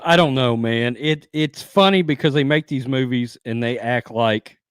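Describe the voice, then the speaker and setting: A man's voice: mid-range voice, normal speed, clean tone, dry recording. A man co-hosting a casual movie podcast, blunt and crude in a laid-back way. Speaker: podcast co-host.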